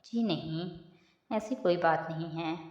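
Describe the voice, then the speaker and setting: A woman's voice: lowish voice, slow, darkish tone. Casual: flustered shy girl, read by a woman storyteller, dull roomy sound. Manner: flustered, evasive. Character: shy, flustered young woman, quick-tempered. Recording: echoey room, slightly dull.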